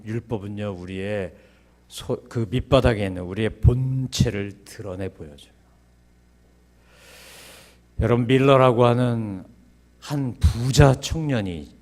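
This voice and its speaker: A pastor preaches a sermon, posing rhetorical questions and breaking into sudden loud, high bursts.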